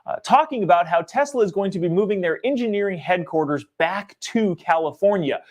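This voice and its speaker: A young man hosting a live political talk stream, giving casual commentary and reading viewer comments aloud in an animated way. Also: sits high, brisk. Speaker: livestream host.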